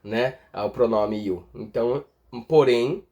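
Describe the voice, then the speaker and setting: A man gives an explanatory language lesson in a voice of ordinary middle pitch. He keeps the pace relaxed and unhurried. He often pauses to make sure his listeners are following him. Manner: patient, tags lines with "tá?" and "né?"; slows down to spell out examples. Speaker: English teacher.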